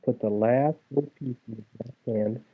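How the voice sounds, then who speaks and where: A slightly rough mid-range male voice tells a children's fairy tale in an animated way, taking it a little slow. The audio has a tinny, telephone-style narrowness.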